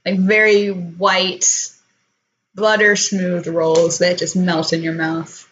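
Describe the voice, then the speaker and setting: A woman's voice: lowish voice, flat delivery, takes it slowly, fairly bright tone, muffled recording. A woman narrates a tabletop game as game master. She talks in a casual, easygoing way, with fillers and restarts.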